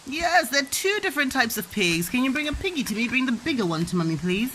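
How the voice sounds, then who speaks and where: A woman's voice: high-pitched, big pitch swings, quick pace, pushed and bright, slight background noise. A young woman giving a playful children's language lesson as a mother, with encouraging, sing-song questions and repetition. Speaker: mother teaching her toddler.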